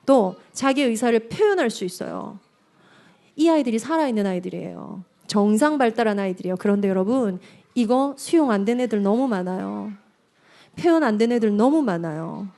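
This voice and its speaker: High, animated woman lecturing. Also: brisk. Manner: animated, addresses the audience directly, acts out quotes. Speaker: evangelist lecturing at a parent seminar. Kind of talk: lively seminar lecture.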